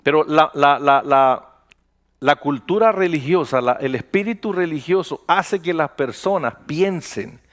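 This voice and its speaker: A man's voice: a little high, unhurried. A man, a pastor preaching a sermon in a conversational storytelling way and acting out dialogue. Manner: conversational, animated retelling with acted dialogue.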